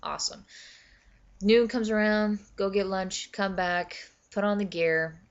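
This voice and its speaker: A woman's voice: mid-range voice, steady tone, measured pace, clear, resonant tone, muffled recording. A young woman telling a long personal story to her camera in a casual, rambling way, full of fillers and restarts. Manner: chatty, many fillers and self-corrections. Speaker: vlogger.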